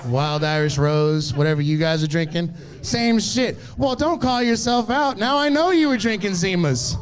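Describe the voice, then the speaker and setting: A man, telling profane, animated stories in a stand-up set and teasing the crowd. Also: sits high, normal speed. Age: 30s. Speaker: stand-up comedian.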